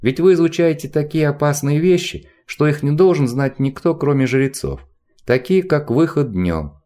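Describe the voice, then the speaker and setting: A man's voice: on the high side, lively intonation, normal speed, dark tone, voice pushed up, close to an everyday voice. A man voicing a bold young girl who poses as a noble lady, asking eager, probing questions with put-on politeness in a storybook reading.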